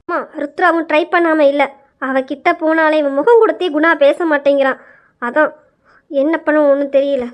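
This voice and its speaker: Meek obedient daughter voiced by a woman, high voice, worried, deferential, audio drama. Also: steady tone, normal speed, muffled recording, close to an everyday voice.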